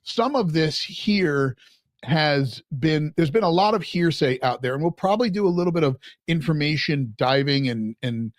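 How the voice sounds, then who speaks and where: A man's voice: a little high, lively intonation, moderate pace, no echo, clean studio sound. A man hosting a casual podcast, rambling a little and reading out numbers. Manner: rambling, reads out figures. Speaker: podcast host.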